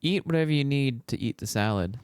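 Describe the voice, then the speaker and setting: A man's voice: mid-range voice, expressive, fairly quick, clean tone, no room sound, clean studio sound. A man in casual podcast chat, goofing around playfully. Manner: playful, goofy banter.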